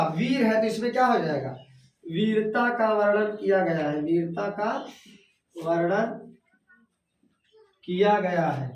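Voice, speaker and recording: A male teacher explaining Sanskrit verses at a board, slowly repeating words as he writes and chanting the verses. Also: sits high, recorded from a distance, a little hiss or hum. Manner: chants verses in a sung recitation. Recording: echoey room, voice off-mic.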